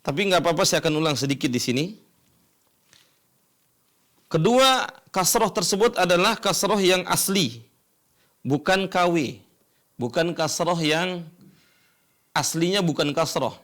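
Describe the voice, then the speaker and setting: A man teaching Quran recitation rules step by step, asking and answering his own questions and chanting examples slowly. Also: fairly high pitch, animated, fairly bright tone. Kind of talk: educational lesson explaining tajwid rules.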